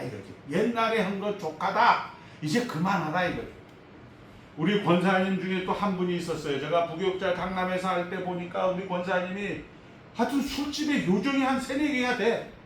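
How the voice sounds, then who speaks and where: High-voiced animated male pastor preaching. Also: very echoey, distant mic, slight background noise, rough recording. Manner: animated, acts out quoted voices. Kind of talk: sermon. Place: church sanctuary.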